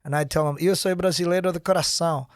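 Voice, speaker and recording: An energetic middle-aged man talks as a podcast guest, his voice sitting a little high for a man. The studio mic gives a close, dry sound with no room around it. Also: quick pace, no echo. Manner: energetic, gestures while talking. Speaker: guest, nonprofit founder. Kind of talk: podcast interview. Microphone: studio mic on boom arm.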